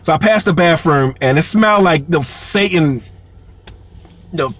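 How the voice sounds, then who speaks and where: Brief: man, high voice, animated comic storyteller, lots of fillers and restarts. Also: moderate pace. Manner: heavy fillers and repeated words; animated, laughs between lines. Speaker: comedian telling a story.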